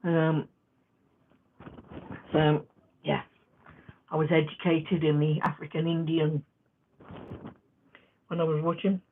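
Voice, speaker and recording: A woman chatting casually in a quilting vlog, rambling and halting with many restarts. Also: deep voice, flat delivery, a little hiss or hum. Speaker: quilting vlogger. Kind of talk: casual crafting vlog chat. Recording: tinny phone-like sound.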